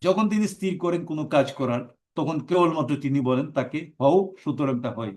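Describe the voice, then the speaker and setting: Male teacher with a fairly high voice, patient lecture style, lists verb forms aloud. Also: normal speed, darkish tone. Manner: explains step by step, chants verb forms in lists. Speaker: Quranic Arabic teacher. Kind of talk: live class lecture.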